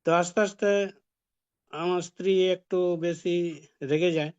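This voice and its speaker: A man's voice: high voice, steady tone, normal speed. A man giving a devotional talk, telling a personal story in a conversational way. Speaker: devotee preacher. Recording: dull lo-fi recording.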